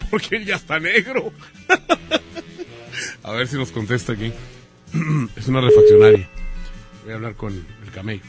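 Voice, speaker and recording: A man's voice: medium pitch, sing-song, slow, long pauses, over music. A Mexican-accented man hosting a prank-call radio show, joking and laughing often.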